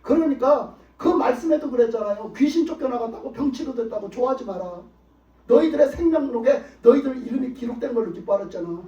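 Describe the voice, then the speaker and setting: A male pastor with a very high, warm voice delivers a sermon emphatically and briskly, expressive throughout and driving points home with repeated rhetorical questions. He sounds far off in an echoey sanctuary, the recording dull and muffled.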